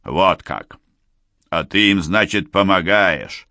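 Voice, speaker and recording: A cruel bandit chieftain, as a male audiobook reader puts him on, growls his threats in a low, dragging voice. He sounds heavy, menacing and contemptuous. The recording is close and dry. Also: expressive, sharp tone, dry recording, heavily acted. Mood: seething. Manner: growling, threatening, slow and drawn out. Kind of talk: audiobook character voice.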